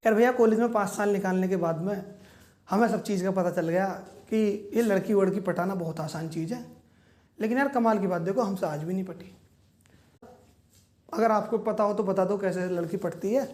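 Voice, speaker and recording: A man's voice: sits high, normal speed, darkish tone. Young man doing slangy stand-up. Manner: acts out dialogue, crude slangy punchlines. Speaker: stand-up comedian. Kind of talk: stand-up storytelling.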